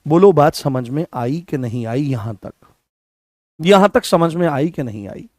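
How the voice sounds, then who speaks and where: A man with a high, lively voice teaching an exam-prep class and drilling each point over and over. He keeps firing questions at his students and calls them by a fond nickname. The recording is dry and close. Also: no echo. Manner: addresses students affectionately as "babu"; stretches vowel sounds slowly to demonstrate. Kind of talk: exam coaching lesson.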